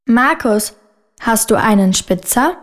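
A woman plays a friendly schoolgirl in a language-course listening dialogue. The voice sits high and the lines come slowly and with clear articulation. It is a dry, close studio recording. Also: animated, dry recording. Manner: slow, careful, clearly spoken.

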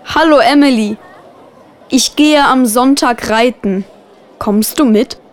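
A woman's voice: a little high, slow pace, some chatter behind. A woman voicing a cheerful girl. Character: cheerful girl inviting a friend. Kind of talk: textbook listening dialogue.

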